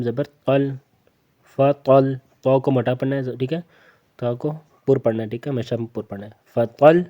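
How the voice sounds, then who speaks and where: A man's voice: mid-range voice, highs cut off. A man with a Pakistani Urdu accent teaching Quran reading, patiently spelling out letters and drilling each word again and again. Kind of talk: slow letter-by-letter recitation lesson.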